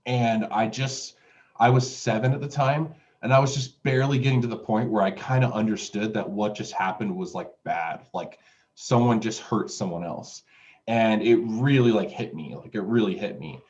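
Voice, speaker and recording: A music producer in his twenties from Utah, USA, tells his story in an interview, rambling with lots of fillers and restarts. His voice is on the low side, a little mellow, at normal speed, and the recording sounds dull and lo-fi.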